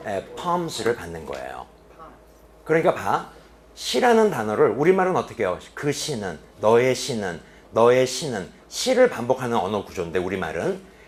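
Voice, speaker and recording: There's a little hiss or hum under this mid-range male voice as he delivers an English reading lecture at a boarding academy. He questions his class, then answers himself, moving from animated speech to sudden quiet emphasis.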